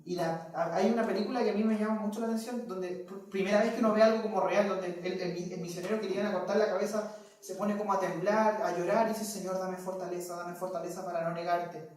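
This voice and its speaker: A man's voice: high-pitched, fairly even intonation, fast talker, darkish tone. A man, preaching a sermon with emphatic rhetorical questions and repeated phrases. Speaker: preacher leading a Bible study. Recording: echoey hall, mic at a distance.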